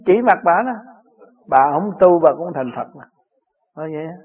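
A Southern Vietnamese man speaks as a spiritual teacher, answering disciples with homely stories and frequent chuckles. His voice sits a little high. The recording is dull and lo-fi, like an old tape. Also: animated, normal speed, husky. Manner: chuckling, plain-spoken storytelling.

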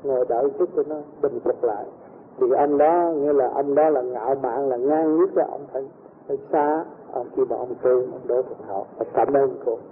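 A man's voice: medium pitch, steady tone, a little fast. A man recounting a personal anecdote to a gathering, rambling along and acting out the voices of the people in his story. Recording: tinny lo-fi recording with faint noise.

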